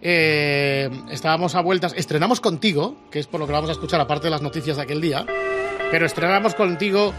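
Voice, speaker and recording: A male radio host bantering on a comedy show. He talks fast in a highish voice, colloquial and animated, with plenty of interjections, and music plays behind him.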